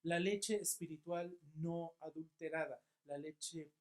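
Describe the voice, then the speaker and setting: Mexican pastor guy preaching in a church, asks stuff then answers it himself, keeps repeating for punch, gets loud then drops soft. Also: a little high, slow pace. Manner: asks rhetorical questions and answers them himself; emphatic repetition, swinging between loud and soft. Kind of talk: sermon.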